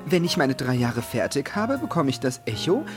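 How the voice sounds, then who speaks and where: A plucky young woman posing as a trainee fairy talks her way forward in an audio drama, voiced by a woman. Her voice is low yet swings lively up and down, chirpy and coaxing. Music plays clearly behind her. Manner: chirpy, coaxing, quick-witted.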